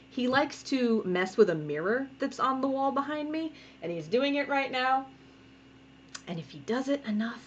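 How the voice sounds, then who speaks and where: A woman's voice: medium pitch, lo-fi sound, a little hiss or hum. Chatty, giggly woman teaching drawing. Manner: chatty, giggly, scolding her cats mid-lesson. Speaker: cartoonist teaching a draw-along. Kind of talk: casual drawing tutorial. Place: home workspace with cats.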